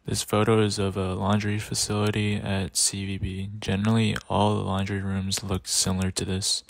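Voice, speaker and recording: A man's voice: low-pitched, completely flat delivery, normal speed, gravelly, no echo. A young man narrating a class project video about campus laundry rooms, reading plainly. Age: young adult. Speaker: student presenter.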